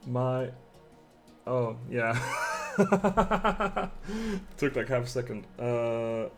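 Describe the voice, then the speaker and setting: Young male streamer with a Swedish accent, a bit of fry, swears and talks to himself while coding. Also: mid-range voice, completely flat delivery, takes it slowly, soft background music. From Sweden. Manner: muttering while coding, swearing, chatting with viewers. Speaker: game developer streamer. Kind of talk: casual live-coding stream.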